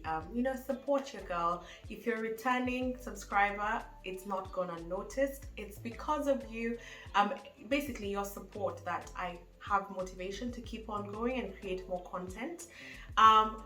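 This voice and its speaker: Talking to camera for her vlog, a young woman with a Kenyan accent chats casually and uses lots of fillers. Her mid-range voice is a bit bright, and faint music plays in an echoey room.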